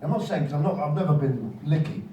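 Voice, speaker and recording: A man's voice: fairly high pitch, fast, muffled recording, slight background noise. A man interviewing casually on stage in a rambling, matey, sweary way. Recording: very echoey, distant, crowd in venue.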